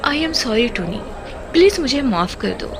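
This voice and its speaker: Woman voicing a strict bird teacher, bossy, raised pitch, cartoon. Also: very animated, measured pace, over music. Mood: apologetic.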